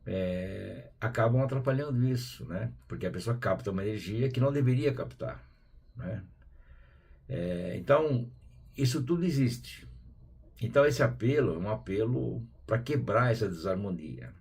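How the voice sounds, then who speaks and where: Man, Brazilian Portuguese accent, very husky voice, spiritual talk, chatty with tag questions. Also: on the low side, animated, normal speed. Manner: conversational, frequent tag questions, drops to quiet asides. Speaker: spiritual teacher hosting a program.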